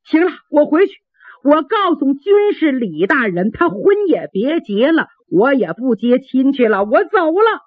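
A woman's voice: a little high, big pitch swings, a little slow, slightly rough, no room sound, pitched above the performer's own voice, exaggerated voice. A woman storyteller voicing a cunning male steward who drawls haughtily and wails theatrically, on a dry, phone-like recording. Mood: indignant. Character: cunning male steward, arrogant then wailing.

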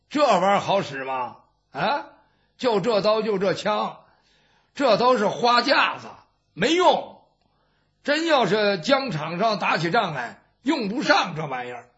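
A man voicing a blunt, brash middle-aged warrior who talks gruffly and boasts. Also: high voice, fairly bright tone, full character voice. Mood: scornful. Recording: dull lo-fi recording.

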